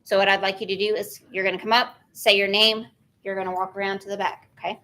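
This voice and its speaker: Woman, mid-pitched, firm and instructive, briefing kids before a school contest. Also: flat delivery, fast, bright, forceful tone, rough recording. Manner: firm, instructive, repeats rules. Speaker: spelling bee organizer. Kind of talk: giving instructions to students. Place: school event room.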